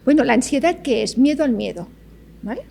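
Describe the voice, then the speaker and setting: Woman therapist, kinda gravelly, teachy style, keeps saying vale. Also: high-pitched, expressive, brisk, dark tone. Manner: didactic, keeps checking with "¿vale?". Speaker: psychologist guest. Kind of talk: explanatory interview talk.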